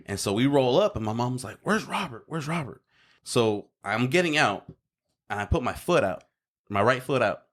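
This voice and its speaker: A man's voice: lowish voice, fairly bright tone. A young man co-hosting a podcast, telling a story vividly and acting out his family's voices. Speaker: podcast co-host. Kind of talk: casual chat.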